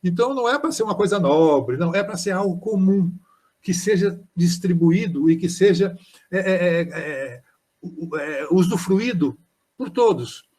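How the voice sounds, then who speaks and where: An older man, a poet, explaining poems in an informal live-streamed talk, reading verses slowly with frequent hesitations. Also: sits high, animated, darkish tone. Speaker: poet and author presenting his book. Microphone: live stream microphone.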